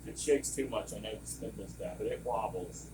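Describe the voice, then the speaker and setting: This service technician has a lowish voice and speaks fairly quickly, giving a loose, rambling equipment training full of tangents. It's recorded from a distance in a room with running lab machines, where a compressor and vacuum pump make loud noise.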